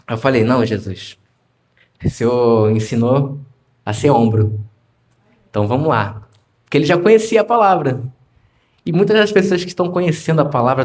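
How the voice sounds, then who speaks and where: A man's voice: mid-range voice, a little mellow. A young man with a Rio de Janeiro accent preaching in church, telling a story conversationally and acting out the dialogue in different voices. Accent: Rio de Janeiro Portuguese. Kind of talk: sermon with storytelling.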